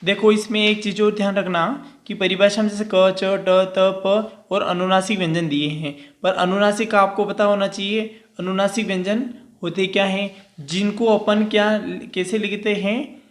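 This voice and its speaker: A man's voice: high-pitched, level tone, moderate pace, echoey room. A male teacher giving a grammar lesson, explaining step by step and answering his own questions.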